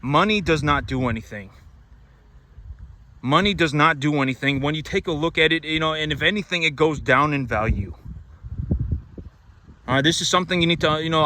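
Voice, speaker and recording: A man's voice: a little high, a little fast, bright, forceful tone, slight background noise. A man who raises cattle, talking casually and emphatically to his audience, repeating points and restarting sentences often. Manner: repetitive, emphatic, many restarts and fillers. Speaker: cattle rancher vlogger. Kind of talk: casual monologue to camera.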